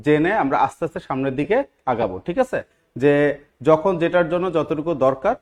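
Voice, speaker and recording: A man's voice: a little high, darkish tone. A man teaching English grammar in a live online class, often asking his students questions and repeating key words. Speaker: English teacher for job exams.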